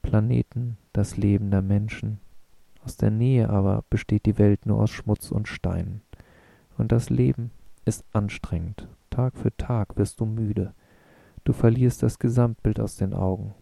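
A male narrator voicing a thoughtful, earnest adult man, speaking in a calm, musing way in an audiobook reading. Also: on the low side, measured pace, vocal fry, no room sound. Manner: calm, musing, philosophical speech.

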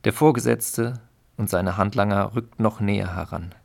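A man's voice: fairly low pitch, moderate pace, gravelly. A man narrating a story in a dry, wry reading style. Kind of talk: audiobook reading.

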